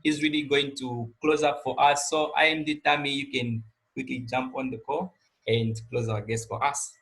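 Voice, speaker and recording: A man's voice: medium pitch, little pitch movement, moderate pace, creaky, a bit bright, low-quality recording. A young man hosting a video call, eagerly introducing a guest speaker. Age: young adult. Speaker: host of the call. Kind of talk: enthusiastic introduction.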